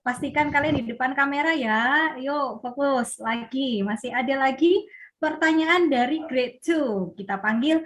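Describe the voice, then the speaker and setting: A woman's voice: high voice, measured pace, fairly bright tone. A woman teacher moderating a video-call session, encouraging pupils and calling them up in turn to ask their questions.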